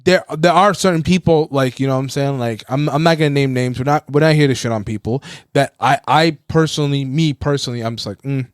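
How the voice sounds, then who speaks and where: A man's voice: medium pitch, fast, hardly any pauses, clear, resonant tone, no echo, clean studio sound. A man from Maine co-hosting a podcast in casual chat, rambling and agreeable. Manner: rambling, many fillers and restarts, agreeable. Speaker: podcast co-host.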